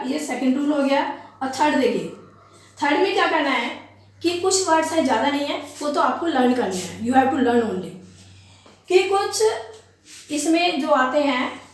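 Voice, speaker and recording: A woman gives a classroom grammar lesson with a high voice. She explains slowly and repeats each example word. She sounds set back from the mic in a very echoey room. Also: lively intonation, far from the mic. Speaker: English teacher.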